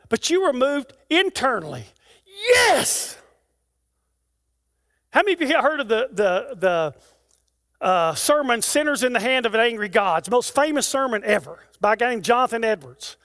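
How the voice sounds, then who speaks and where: Male pastor with a very high voice, preaching in a church, rhythmic and declamatory, talking straight to the congregation. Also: lively intonation, brisk, a bit bright. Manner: conversational asides to the congregation. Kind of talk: sermon. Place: church sanctuary.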